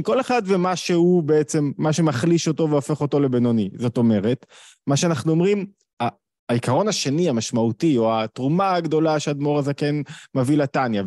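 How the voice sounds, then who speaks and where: A man's voice: a little high, darkish tone, dry recording. Man posing rhetorical questions, dry sound. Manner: explanatory, poses rhetorical questions. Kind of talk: live online talk.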